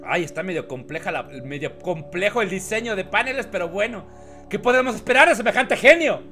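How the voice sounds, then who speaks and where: A man's voice: high voice, animated, a little fast, over music. A man reading a comic on a live stream, laughing often and joking with his chat.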